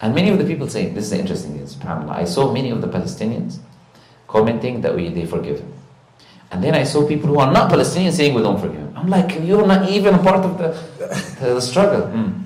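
A man earnestly telling a story in conversation, animated and sprinkled with religious phrases. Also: medium pitch, fast. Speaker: guest recounting a live stream encounter. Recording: roomy echo.

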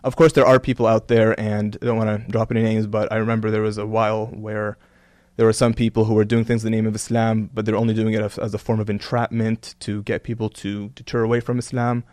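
In a casual interview, this guest, a religious content creator raised between Kuwait and Canada, talks quickly in a fairly low voice with little pitch movement and hardly any pauses. The tone is a little mellow and the recording dry. He's earnest and thoughtful, full of "you know"s.

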